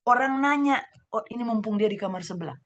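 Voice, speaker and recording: High-voiced woman pastor from manado, manado accent, fervent sermon over a video call, loud then hushed. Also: expressive, fast talker, dull audio. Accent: Manado Indonesian. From Manado, Indonesia. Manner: fervent, swings from loud exclaiming to hushed asides. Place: home room, husband preaching next door.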